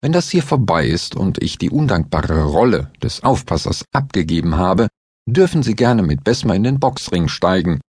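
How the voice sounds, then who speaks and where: A man's voice: deep voice, sing-song, normal speed, a little mellow, husky, no room sound, heavily acted. A man voicing a composed male doctor-investigator who speaks with dry, amused mockery.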